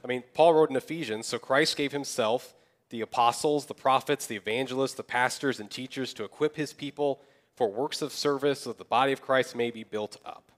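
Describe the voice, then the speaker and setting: A young man preaching a sermon as pastor, in a conversational way, acting out people's excuses in quick asides. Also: mid-range voice. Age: young adult.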